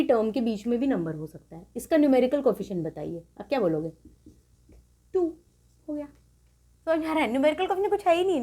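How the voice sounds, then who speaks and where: A woman tutor explaining a math lesson to students, often asking whether they have understood and stressing key points. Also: fairly high pitch. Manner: repeats checks like "clear?", lively emphasis.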